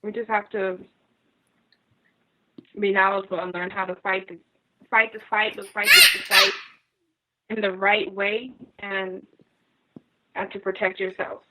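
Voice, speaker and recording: A woman's voice: medium pitch, fairly even intonation, measured pace, long pauses, noisy background. A woman co-hosting a casual talk show, agreeing and adding short encouraging remarks.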